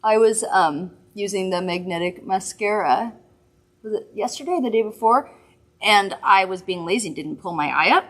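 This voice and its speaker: A woman's voice: mid-range voice, expressive, normal speed, fairly bright tone. Woman host, casual makeup demo, chatty and giggly with rambling asides. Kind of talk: casual product demo chat.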